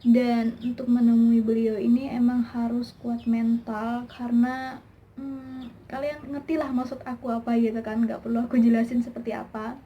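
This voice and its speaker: A woman's voice: fairly high pitch, flat delivery, moderate pace. A young woman vlogger telling a personal story in a chatty, emotional way, with many fillers. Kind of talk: personal testimony vlog. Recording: slightly dull lo-fi sound with faint background hiss.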